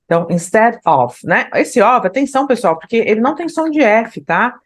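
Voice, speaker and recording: A woman with a Brazilian Portuguese accent teaches English online, explaining things step by step and regularly checking in with "né?" while slowing down to read lyrics aloud. Her voice is on the high side and sing-song.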